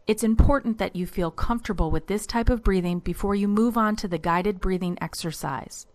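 Calm woman narrating guided instructions. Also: medium pitch. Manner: calm, measured step-by-step guidance. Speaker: instructor narrator of a breathing exercise app.

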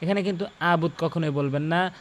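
High-voiced man drilling slow recitation. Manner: drills syllables slowly and repeats them many times; earnest and corrective, warns about common mistakes. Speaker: Quran recitation teacher. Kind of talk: instructional lesson with chanted examples.

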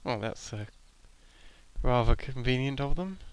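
A man casually commenting on a game he is playing, slow and hesitant with many pauses. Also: medium pitch, expressive, smooth. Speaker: let's play host.

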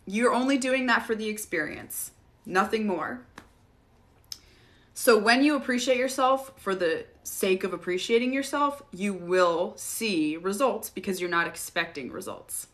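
A woman hosting a casual live Q&A, relaxed and chatty, often laughing as she answers viewers. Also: medium pitch, unhurried. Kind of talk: casual livestream Q&A.

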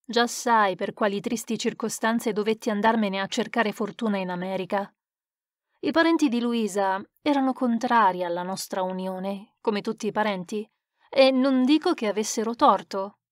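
A woman's voice: medium pitch, normal speed, no room sound, clean studio sound, natural voice. A woman reading the part of a rueful, lovesick male poet who recounts his past in an earnest, emphatic way. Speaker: audiobook reader. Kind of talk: expressive literary reading.

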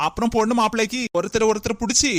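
A woman's voice: a little high, steady tone, very fast, no echo, close to an everyday voice. A woman voicing a friendly, chatty neighbour visiting for a family occasion in a cartoon, with a Kanyakumari Tamil accent.

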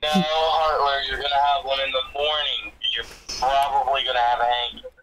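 A man's voice: medium pitch, level tone, brisk, background noise. A man talking to a friend on a voice call, teasing and chiding him. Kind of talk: casual chat.

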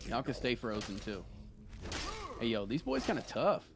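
A man's voice: mid-range voice, normal speed, vocal fry. A young man giving casual, profane gameplay commentary, joking and talking trash to the enemies he fights. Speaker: gaming video host. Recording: steady background noise.

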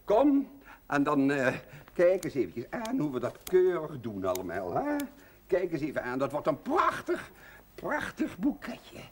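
An actor playing a man disguised as a fussy, giggly old lady, putting on a high falsetto and tripping over his words. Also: huge pitch swings, measured pace, husky, exaggerated voice. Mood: cooing hostess. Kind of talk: 1960s TV comedy acting.

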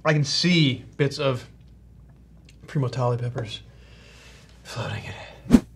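A man reviewing hot sauce in a casual tasting vlog, halting and coughing often between sighs. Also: medium pitch, noisy background. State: coughing from spicy powder.

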